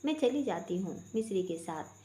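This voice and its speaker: A woman's voice: lowish voice, expressive, moderate pace, mellow, slight background noise, lightly acted. A woman voicing Kiran, a teasing young woman. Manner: teasing, playful. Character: lively teasing young woman, bride's friend.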